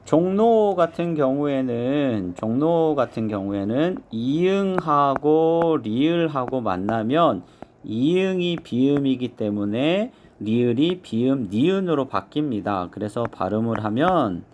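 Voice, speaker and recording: A man teaching an exam review lesson, explaining step by step and slowly modeling each pronunciation. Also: medium pitch, lively intonation, a little mellow, slight background noise.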